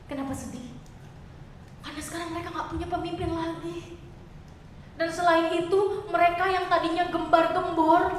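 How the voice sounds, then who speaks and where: A woman pastor giving a chatty, expressive sermon and asking her congregation questions. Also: very high-pitched, a little hiss or hum. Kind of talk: conversational sermon. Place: church hall. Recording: echoey church hall, mic far off.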